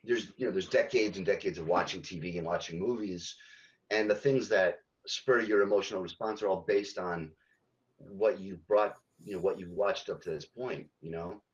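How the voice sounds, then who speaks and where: A man, a game localization director, answering podcast interview questions haltingly, with many ums and restarts. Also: low-pitched, lo-fi sound.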